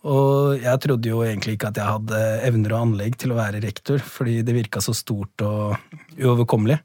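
A school principal being interviewed about his book, speaking thoughtfully with frequent pauses and fillers. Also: medium pitch, fairly even intonation, a little mellow, dry recording, studio quality. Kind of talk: podcast interview.

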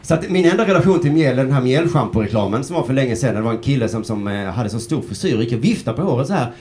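On stage before a laughing crowd, a forties comedian rambles through his set, cursing and putting on mock voices. He speaks at a medium pitch, animated and a little mellow, and the live audience laughter carries in the background.

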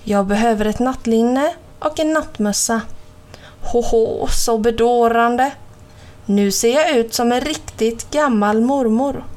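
A woman voicing a sly, hungry male wolf in a storybook reading, with a gloating, drawn-out delivery. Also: fairly high pitch, darkish tone, close to an everyday voice.

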